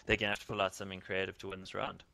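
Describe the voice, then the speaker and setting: A man's voice: low-pitched, monotone, very fast, creaky, sharp tone, no room sound. A man from South Africa doing color commentary on an esports match, with joking, wry asides.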